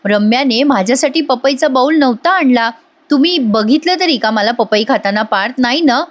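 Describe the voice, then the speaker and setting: A young expectant wife in a TV drama, voiced by a female reader reproaches her husband. The tone is firm and wounded, in the reader's own, somewhat high voice. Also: expressive, moderate pace. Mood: reproachful.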